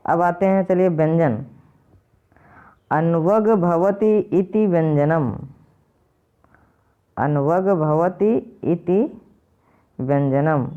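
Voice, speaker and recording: A man teaching a lesson, patiently repeating and slowly spelling out each sound. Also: sits high, dark tone, clear, resonant tone. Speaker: Sanskrit teacher. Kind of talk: explanatory lesson to viewers. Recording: dull lo-fi recording.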